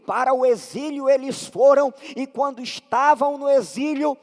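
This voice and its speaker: A man with a Brazilian Portuguese accent preaching a sermon while fighting a slight cold, building with passion toward shouted lines. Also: extremely high pitch, moderate pace. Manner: impassioned preaching, rising to shouts. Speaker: pastor. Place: large church hall. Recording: long echo of a church hall.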